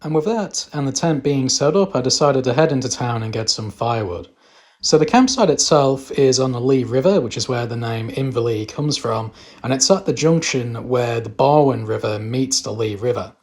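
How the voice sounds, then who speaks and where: A man narrates a casual camping vlog. His voice is husky and sits at an average pitch, and he tells things in a chatty, informal way. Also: normal speed, darkish tone. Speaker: camping vlogger.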